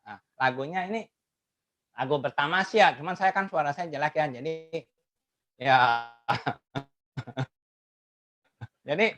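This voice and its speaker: A woman teaching math in an online webinar, laughing often and asking her audience lively questions. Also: low voice, slow, long pauses. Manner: laughs often between phrases; acts out quoted remarks in changed voices.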